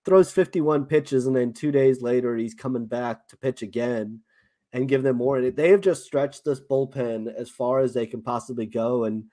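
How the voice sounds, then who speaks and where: Man, South African accent, podcast co-host, casual sports talk, hesitant, mid-pitched. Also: warm tone. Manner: halting, many fillers and restarts.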